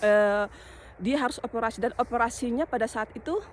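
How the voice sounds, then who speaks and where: A woman from Indonesia talks straight to her viewers in a loose, chatty vlog, leaning on small filler words as she tells a story. Her voice sits fairly high for a woman. A faint noise runs underneath. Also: brisk. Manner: chatty, addresses viewers directly with many fillers. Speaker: vlogger.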